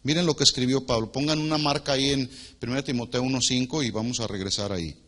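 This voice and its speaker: Standing before his congregation in a church hall, a pastor preaches in a mid-range voice at a quick pace. He poses questions, waits for the people to answer, and swings between loud, emphatic lines and quiet asides.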